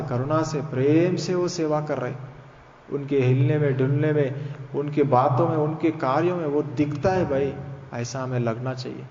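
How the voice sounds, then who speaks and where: A man's voice: medium pitch, warm tone, a little hiss or hum. A man preaching a sermon at a youth meeting, earnestly urging his listeners and telling stories from his own life. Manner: earnest exhortation with personal stories and repeated phrases. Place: church hall. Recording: echoey hall, dull lo-fi sound.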